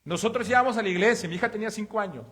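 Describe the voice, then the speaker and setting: A man preaching a sermon, moving between loud emphatic passages and hushed confessional storytelling. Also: sits high, racing. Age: adult father of three.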